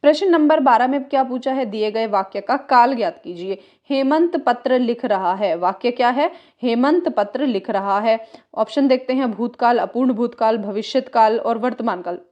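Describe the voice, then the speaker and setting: A woman teacher going through exam questions, explaining step by step and slowly repeating key words. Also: fairly high pitch, a little mellow, lo-fi sound. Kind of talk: exam-prep grammar lesson.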